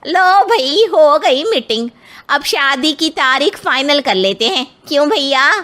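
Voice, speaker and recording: A bossy, old-fashioned mother-in-law from a cartoon family tale, acted by a woman. She speaks very slowly in a high voice, probing and domineering as she sizes people up. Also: expressive, a bit bright. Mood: bossy, satisfied. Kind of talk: animated moral story acting.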